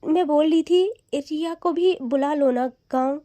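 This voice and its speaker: A woman's voice: high voice, unhurried, dark tone, no echo. A woman voicing a playful young woman who teases and pleads with her close friend, in a chatty, whiny way. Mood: pleading, teasing.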